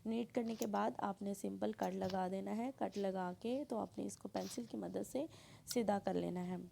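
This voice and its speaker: A woman teaches sewing step by step. Her sore throat makes her voice gravelly, and she clears it now and then. The tone is dark and mellow, with a faint hum of room noise behind her. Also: medium pitch, fairly even intonation, normal speed. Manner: plain instructional, frequent throat clearing. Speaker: sewing instructor. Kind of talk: step-by-step tutorial voice-over.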